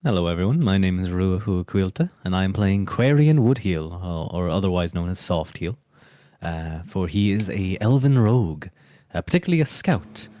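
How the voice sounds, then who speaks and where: A man's voice: low-pitched, animated, normal speed, mellow, no room sound, clean studio sound. A man introducing his tabletop character in casual chat, friendly and easygoing. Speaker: player.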